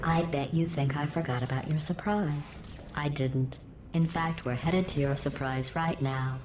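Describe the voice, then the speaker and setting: A sarcastic female AI taunts in a low, deadpan, robotic-filtered voice. Her mockery is calm and passive-aggressive. The sound rings in an echoey space over steady background noise. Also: measured pace. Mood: mocking. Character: cold, sarcastic female AI running test chambers. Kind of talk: video game dialogue.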